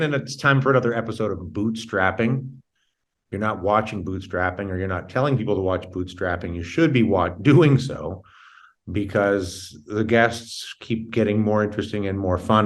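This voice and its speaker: A man hosting an interview show, often rephrasing his questions as he goes in a conversational way. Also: fairly low pitch.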